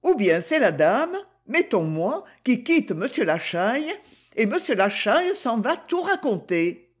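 A sad, stubborn fifteen-year-old girl, read by a woman. Her voice sits high above the reader's own, soft and plaintive, and the speech is lively but slow and hesitant. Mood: earnest.

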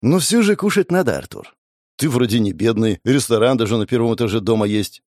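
A man's voice: medium pitch, big pitch swings, a little fast, a little mellow, no room sound, clean studio sound, lightly acted. A man voicing a teasing bossy young woman. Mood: scolding. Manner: teasing, scolding. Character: playful bossy young woman, Arthur's girlfriend.

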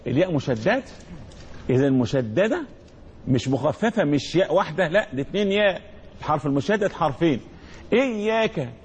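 A man's voice: high-pitched, slightly rough. A man with an Egyptian accent teaching Quran recitation, drawing out the verses and quizzing his students in call-and-response. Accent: Egyptian Arabic. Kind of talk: tajweed lesson with call-and-response.

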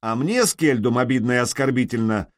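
A man voicing a gruff jarl who shouts curt, defiant answers from a fortress wall in an audiobook. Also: mid-range voice, fairly quick, lightly acted.

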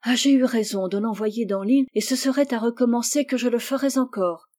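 A woman's voice: on the high side, fairly quick, lightly acted. Woman reading as an eager little girl. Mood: excited. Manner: bright, eager exclamations. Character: young girl, cheerful and generous.

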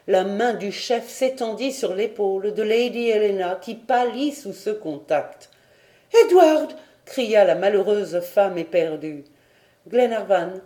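A woman reading a classic adventure novel aloud as an audiobook, steady and expressive. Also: mid-range voice. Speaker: audiobook reader.

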